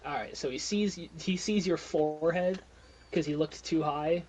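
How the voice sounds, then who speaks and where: A man's voice: fairly high pitch, normal speed, darkish tone, a little hiss or hum, rough recording. A young man narrating as game master in a casual, rambling way with frequent laughter.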